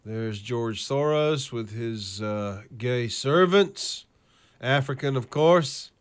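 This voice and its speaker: A man hosting a current-events video, ranting with profane, scornful and sarcastic commentary over clips, reading lists in a steady cadence. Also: mid-range voice, takes it slowly, clean tone.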